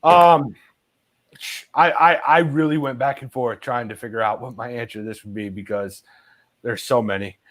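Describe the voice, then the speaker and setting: A man's voice: medium pitch, steady tone, moderate pace, fairly bright tone. A man hosting a casual live stream, reading viewer comments aloud with many "uh" fillers. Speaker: host.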